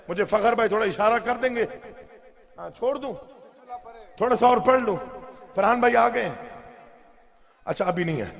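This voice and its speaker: A man with a high, ringing voice and a Pakistani Urdu accent delivers a Shia mourning sermon. He moves from quiet asides to loud, chanted lament. Long reverb from the large hall trails every phrase of the live recording. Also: creaky. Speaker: majlis reciter.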